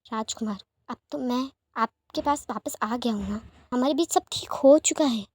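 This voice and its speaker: A gentle, devoted young man speaks softly and remorsefully, as a woman reads him out in an audio fanfiction story. The voice sits high and the sound is dry and close, with nothing around it. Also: normal speed, no room sound, lightly acted. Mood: tender. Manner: soft-spoken, remorseful, pleading.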